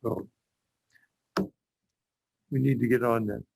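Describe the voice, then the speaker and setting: A man's voice: mid-range voice, fairly even intonation, slow pace, gravelly, a little mellow, breathy edge, no echo. A man chairing a school board meeting, plainspoken and rambling. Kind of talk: meeting discussion.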